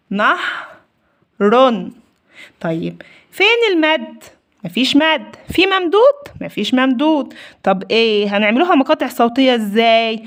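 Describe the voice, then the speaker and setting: A woman with an Egyptian accent teaches a children's reading lesson in a somewhat high voice. She patiently asks questions and answers them herself. She stretches each word slowly as she sounds it out. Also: a bit bright. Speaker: primary school teacher.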